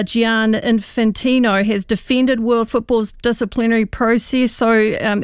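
A woman's voice: a little high, clear, resonant tone, no room sound, clean studio sound. A woman presenting a sports news update, partly scripted.

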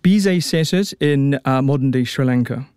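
A man talks easily as an interview guest, his voice mellow and warm. He circles back with fillers and restarts, and the sound is dry and close. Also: mid-range voice, moderate pace, clear, resonant tone, no echo. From New Zealand. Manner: chatty, frequent fillers and restarts. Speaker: opera tenor guest. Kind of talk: casual radio interview.

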